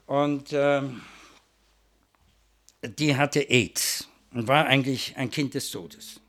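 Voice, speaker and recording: A man's voice: mid-range voice, slow, a bit bright. A man preaching a sermon, telling a story in a storytelling way that rises to fervent emphasis, then closing with a prayer.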